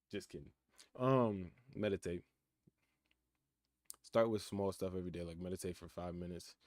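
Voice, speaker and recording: Streaming live from his room in college housing, a man of nineteen chats casually, picking questions out of the chat and mulling over his answers in a relaxed, thoughtful way. He speaks in a low, slightly mellow voice into a computer mic, with no echo.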